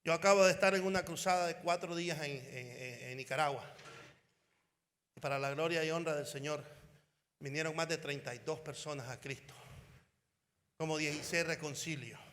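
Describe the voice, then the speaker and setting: A man preaching a fervent sermon as an evangelist at a conference, often shouting and calling out to the crowd. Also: a little high, normal speed, long pauses, big-room sound. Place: conference hall.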